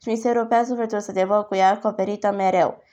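A woman reading the lines of a gentle, teasing middle-aged father in an audiobook. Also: medium pitch, steady tone, highs cut off, natural voice. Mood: earnest.

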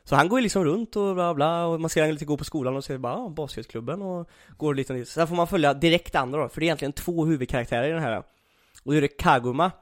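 A young man with a fairly high voice chats casually, animatedly retelling an anime and sprinkling in plenty of fillers like "liksom." He speaks with few pauses, and the studio-quality recording has no room sound.

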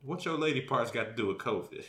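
A woman's voice: rumbling low, expressive, fast, fairly bright tone. A woman on a casual podcast, teasing and wisecracking as she banters with friends. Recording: echoey room sound.

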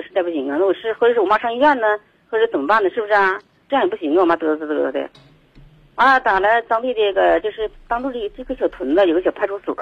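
A man's voice: sits high, creaky, husky, no room sound. A man calling in to a radio show, talking in a rambling, agitated way and repeating himself over a muffled phone line. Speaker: caller.

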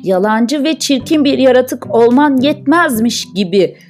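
A woman's voice: medium pitch, animated, takes it slowly, soft background music. A woman doing a blustering hot-tempered king. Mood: furious. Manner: loud, blustering. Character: proud, hot-tempered old male king.

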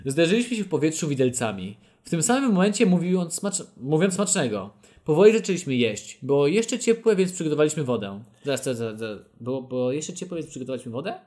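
A man's voice: a little high, very animated, fast talker, hardly any pauses, a little mellow. A young man hosting a podcast, reading a fan story aloud with playful, mock-dramatic quotes and frequent laughter. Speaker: podcast host.

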